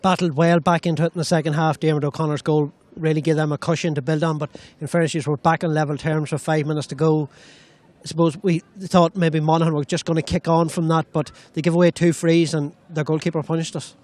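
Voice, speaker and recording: A man's voice: a little high, little pitch movement, quick pace, a little mellow. A man with an Irish accent interviewing after a sports match.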